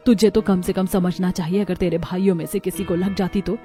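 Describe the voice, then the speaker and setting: Woman doing a stern nagging mom in a cartoon, low and dark, scolds a lot. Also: fairly even intonation, fairly quick, soft background music, natural voice. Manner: scolding, harsh. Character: stern, favoritist mother of a daughter and three sons. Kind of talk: cartoon voice acting.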